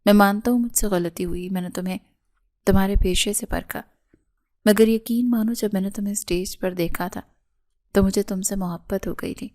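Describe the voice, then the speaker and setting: A woman's voice: medium pitch, fairly even intonation, warm tone, lightly acted. A woman reading the lines of a proud young male doctor who pleads with his wife for forgiveness. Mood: earnest.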